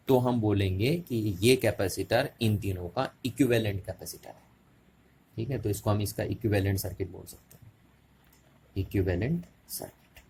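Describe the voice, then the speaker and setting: Male physics teacher, lower pitch, patient repetitive board explanation, faint noise in the room. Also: a little mellow. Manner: repetitive, checking questions to students.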